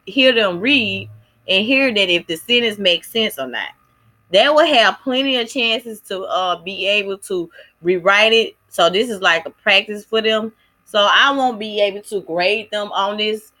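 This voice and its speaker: Bright-voiced woman presenting a lesson plan. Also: medium pitch. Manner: casual, halting, with many fillers like "like" and "um". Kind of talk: recorded class presentation.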